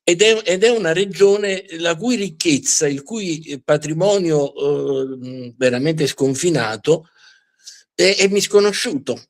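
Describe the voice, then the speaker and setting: A man speaks as the host of a live show about history. His talk is unscripted and halting, with words repeated while he searches for how to put things. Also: a little high.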